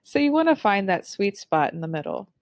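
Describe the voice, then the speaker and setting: A young adult woman giving an online lesson on public speaking, with a clear, upbeat instructional delivery. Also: medium pitch, sing-song, brisk, no echo.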